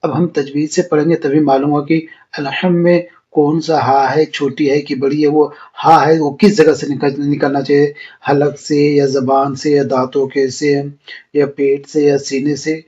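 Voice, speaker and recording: A male Quran teacher giving a beginner lesson on the Arabic alphabet, explaining step by step and drawing out each letter slowly. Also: a little high, little pitch movement, mellow. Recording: dull lo-fi recording.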